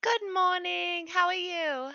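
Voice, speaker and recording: Woman playing a bright, chatty, scatterbrained adventurer girl. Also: extremely high pitch, slow pace, vocal fry, dull audio, pitched above the performer's own voice, heavily acted.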